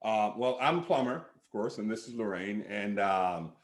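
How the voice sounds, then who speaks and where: A middle-aged man from Sierra Leone, a pastor, telling a personal story in a relaxed way with lots of fillers over a home video call. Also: fairly low pitch, normal speed, reverberant. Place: living room at home, indoors. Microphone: webcam on a video call.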